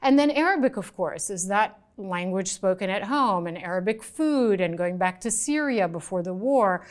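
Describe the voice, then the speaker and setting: A middle-aged American journalist raised in France speaks with an expressive, medium-pitched voice at a moderate pace. She is a guest in an interview on a small indoor studio set, talking into a lapel mic in an articulate, thoughtful way. She often restarts and uses fillers, gesturing with her hands as she speaks.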